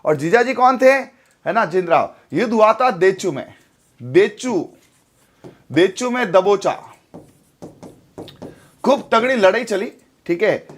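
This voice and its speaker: High-voiced chatty teacher. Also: male voice, a bit bright. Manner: chatty, repeats tag questions like "theek hai". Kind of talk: live exam-prep lesson.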